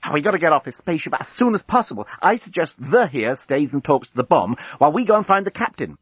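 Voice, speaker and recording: A man's voice: fairly high pitch, very animated, quick pace, breathy edge, no room sound, lo-fi sound, pitched above the performer's own voice. A man voicing a young woman who speaks in an urgent, pleading way.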